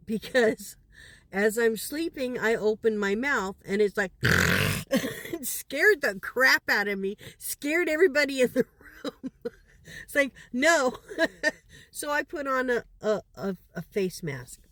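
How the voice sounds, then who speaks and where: A woman's voice: on the high side, lively intonation, unhurried, fairly bright tone, dry recording. An older woman, a grandmother, telling a funny story in a casual way and laughing all through it. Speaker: grandmother vlogger.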